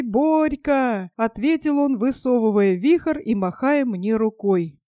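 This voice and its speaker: A woman narrating a first-person story as an audiobook in an even, measured way. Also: sits high, no echo, studio quality.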